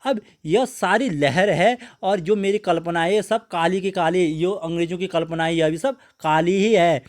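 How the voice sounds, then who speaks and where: Male teacher, high voice; recites verse slowly, then paraphrases plainly. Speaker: teacher explaining a poem. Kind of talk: line-by-line poem explanation.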